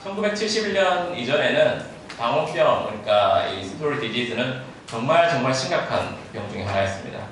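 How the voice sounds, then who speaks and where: Man, consecutive interpreter, halting delivery, English loanwords, restarted phrases, distant mic, very echoey room. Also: medium pitch, sing-song, a bit bright, slight background noise. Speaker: interpreter and medical researcher. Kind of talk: consecutive interpreting at a medical lecture. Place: large echoing room at a talk.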